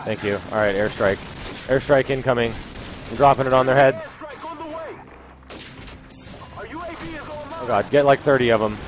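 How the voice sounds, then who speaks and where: Swinging widely in pitch around a medium register at a moderate pace, a young adult video host swears casually while commenting live on his gameplay. He talks into a headset mic in a small room, over loud in-game gunfire.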